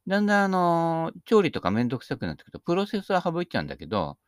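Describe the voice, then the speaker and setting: A man's voice: on the high side, huge pitch swings, very fast, dry recording, clean studio sound. An older man missing his front teeth gives a casual, humorous, rambling monologue, chatty and self-deprecating. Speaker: speaker giving talks on Buddhist sayings.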